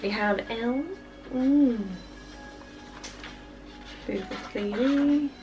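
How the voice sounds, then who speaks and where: Unboxing albums for her K-pop reaction vlog, this young woman from Australia gushes casually, with plenty of fillers and sighs. She speaks very slowly in a slightly high voice. The audio is dull, recorded from a distance, and sits over music.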